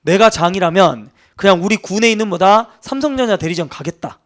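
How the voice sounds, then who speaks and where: A man teaching law for exam prep, talking casually and acting out quoted officials in rough, joking banter. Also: sits high, lively intonation, a little fast. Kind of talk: lively lecture with acted anecdotes.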